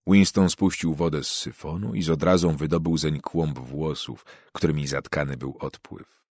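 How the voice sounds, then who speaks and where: Deep, husky male audiobook narrator. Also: fairly even intonation, normal speed, a little mellow, no room sound, clean studio sound. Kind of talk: scripted narration.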